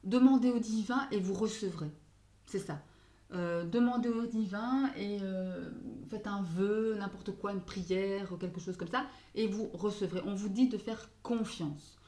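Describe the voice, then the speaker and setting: A woman's voice: mid-range voice, a little slow, mellow. A woman giving a casual spoken card reading, hesitant and searching for words, often slipping in English phrases. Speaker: astrology card reader. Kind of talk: casual spoken tarot guidance. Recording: echoey room.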